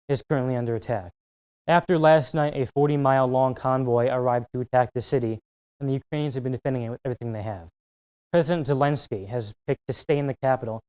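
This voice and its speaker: A man's voice: medium pitch, a little mellow, clear, resonant tone. A young man delivers a scripted world news report in a mid-range voice. His tone is serious and grave throughout.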